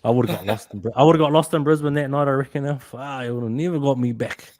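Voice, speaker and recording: A man with a broad New Zealand accent telling stories casually among friends in an animated, slangy way, peppering phrases with bro and eh. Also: mid-range voice, quick pace.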